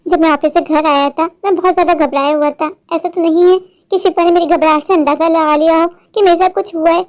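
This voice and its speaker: Woman voicing a scared high-voiced office man. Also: steady tone, brisk. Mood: irritable. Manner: anxious, pleading, irritable toward his wife. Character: frightened adult male office worker, tired husband.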